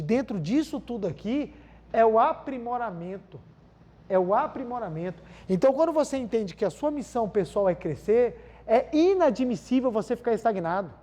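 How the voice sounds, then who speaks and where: Brazilian male spiritual lecturer, warm dark tone, talks to the crowd directly, restates his points. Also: very high voice. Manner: keeps addressing the audience as "gente", repeats key phrases for emphasis. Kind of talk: spiritual talk with everyday anecdotes.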